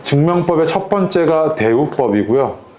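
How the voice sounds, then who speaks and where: Casual Korean math teacher checking in. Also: male voice, a little high, lively intonation, normal speed, warm tone, a little hiss or hum. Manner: casual, keeps checking in with students. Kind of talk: lecture to students.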